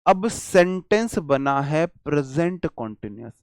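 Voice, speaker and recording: Man from India, English grammar teacher, slow emphatic lecture, quizzes and answers himself, dry close sound. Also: a little high, sing-song, dry recording. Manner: slow, emphatic, drags out example words; asks questions and answers himself. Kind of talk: classroom lecture.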